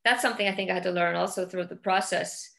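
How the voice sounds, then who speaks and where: A woman's voice: lowish voice, fairly even intonation, quick pace, vocal fry, a bit bright. A middle-aged woman from Iceland with an Icelandic accent, a film director talking casually over a video call, searching for words and often repeating them. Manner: thoughtful, repeats words while searching for phrasing. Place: home room with large windows.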